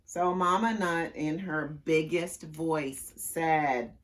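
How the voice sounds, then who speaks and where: A woman's voice: low-pitched, slow pace. A woman librarian leading a children's story time, cheerfully reading aloud and guiding movement games. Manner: cheerful, animated, sing-song with children.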